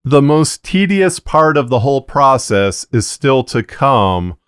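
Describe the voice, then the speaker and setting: A middle-aged man, a fiction podcaster and narrator, delivers a scripted explainer to camera in a measured, deliberate way, yet his medium-pitched, smooth voice is very animated. He speaks close to a broadcast dynamic mic on a boom arm inside a small indoor booth of acoustic blankets, giving a dry recording.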